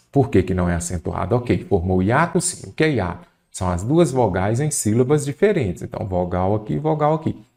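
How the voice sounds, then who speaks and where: A man's voice: lowish voice, warm tone. A man teaching an exam-prep grammar lesson, explaining step by step and answering his own questions. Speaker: Portuguese teacher.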